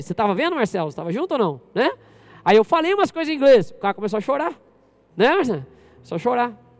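A man from Brazil preaching a lively sermon to his congregation as pastor, often questioning the crowd directly. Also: very high-pitched. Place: church service.

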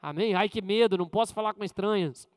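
A male pastor giving a conversational sermon with jokes and personal stories, often asking the congregation questions and swinging between loud high bursts and quiet asides. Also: quick pace, smooth, dry recording.

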